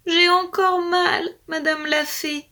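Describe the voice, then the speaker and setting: A woman's voice: extremely high pitch, little pitch movement, takes it slowly, sharp tone, voice pushed up, exaggerated voice. A woman voicing an old, moth-eaten male wolf who whimpers and pleads in a storybook tale. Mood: whining.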